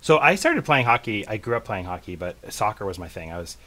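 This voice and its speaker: As an interview guest, this central Massachusetts tech CEO, a middle-aged man, talks casually in a rambling, self-deprecating way laced with fillers. His lowish voice is sing-song, fairly quick and fairly bright, over a faint hiss or hum.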